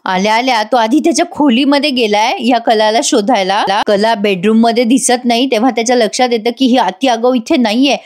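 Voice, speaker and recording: Fields: Voice: high-pitched woman. Role: serial recapper. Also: fairly quick, few pauses. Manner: chatty, lively retelling with small laughs. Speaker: TV serial reviewer. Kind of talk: casual episode recap narration.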